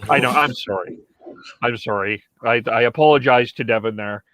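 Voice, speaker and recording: A man's voice: medium pitch, moderate pace, a bit bright, no room sound. A man hosting a hockey podcast in casual chat, fumbling and poking fun at himself. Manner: fumbling, self-mocking. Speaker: podcast host.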